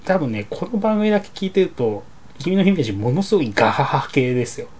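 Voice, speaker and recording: A man's voice: a little high, sing-song, a little fast, darkish tone. A man hosting a casual talk show, bantering about anime characters with joking, mock-formal geeky enthusiasm. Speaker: show host.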